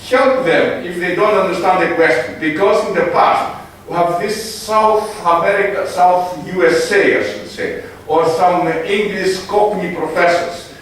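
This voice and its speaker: A man's voice: high voice, steady tone, a little slow, fairly bright tone. A man giving joking, digressive opening remarks as conference organizer in a hall. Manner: joking, digressive, non-native English. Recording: echoey hall from far off, noise.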